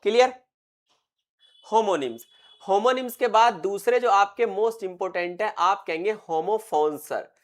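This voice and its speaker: A man's voice: sits high, measured pace. A male teacher delivers an exam-prep lecture. He keeps firing questions at his class and then answers them himself. He drives each point home by repeating the key terms. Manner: quizzes students constantly, answers his own questions.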